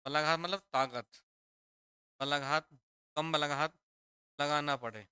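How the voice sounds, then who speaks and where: A man's voice: fairly high pitch, fairly even intonation, takes it slowly, pushed and bright, clean tone, no room sound, studio quality. A man teaching a grammar lesson, repeating each point and quizzing his students with questions, calling them children. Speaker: Hindi teacher.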